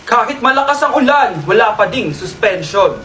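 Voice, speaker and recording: A woman acting in short comic skits with a loud, dramatic delivery. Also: on the high side, expressive, normal speed. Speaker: comedy skit performer.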